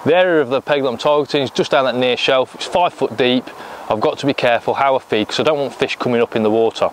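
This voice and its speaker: An angling coach, a man in his thirties with an English accent and a medium-pitched voice, gives a practical step-by-step fishing tutorial from a lakeside bank. He wears a lapel mic, and a little hiss or hum can be heard.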